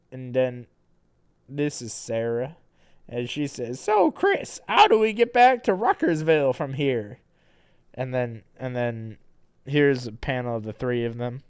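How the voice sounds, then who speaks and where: A man streaming, reading a comic aloud in a deadpan, rambling way, stringing every beat together with repeated "and then". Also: mid-range voice, clear, resonant tone, no echo.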